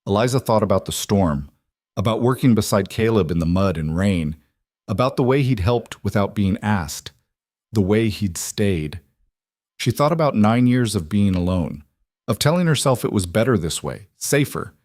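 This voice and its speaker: Low-voiced man narrating a story. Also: dry recording, studio quality. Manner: measured, even storytelling. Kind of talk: scripted narration.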